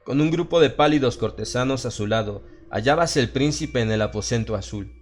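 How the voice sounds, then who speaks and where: Over background music, a brisk man with a mid-range voice and a Latin American Spanish accent narrates a horror audiobook. His scripted reading is solemn, theatrical and dramatized.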